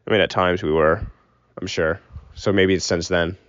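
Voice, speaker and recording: Solo sports podcast host, young man with a low register, loose sweary opinions, dull lo-fi recording inside a closet. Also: fairly even intonation, normal speed, a bit bright, no echo. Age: young adult. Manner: rambling, opinionated, sprinkled with swearing. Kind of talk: casual sports commentary.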